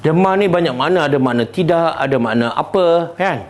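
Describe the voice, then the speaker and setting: Speaking with a fairly high, expressive voice, a middle-aged Malaysian Malay-accented man teaches a Quran study class as a religious teacher. He often tests his students with short questions and recites verses at a slow pace.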